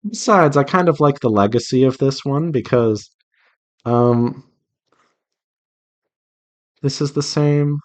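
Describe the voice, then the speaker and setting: A man with a mid-range voice speaks slowly and pauses often. He's a visual novel developer hosting a draw-along devlog, chatting casually to viewers while he draws and thinking aloud in a rambling, self-reassuring way.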